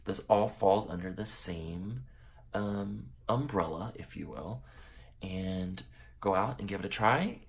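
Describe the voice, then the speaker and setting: Gravelly deep-voiced male art teacher. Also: slow. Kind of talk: step-by-step drawing lesson.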